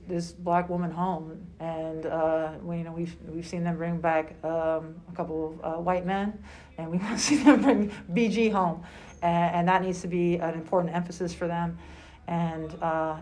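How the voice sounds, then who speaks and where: A woman in her forties, a basketball head coach answering questions at a postgame press conference, speaking in a measured, halting way with many fillers. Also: on the low side, darkish tone. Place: small room indoors at a table.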